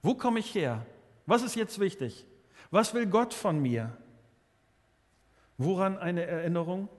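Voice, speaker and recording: High-voiced German preacher man in a reverberant hall. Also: animated, measured pace. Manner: earnest, many restarts and repetitions. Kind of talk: sermon.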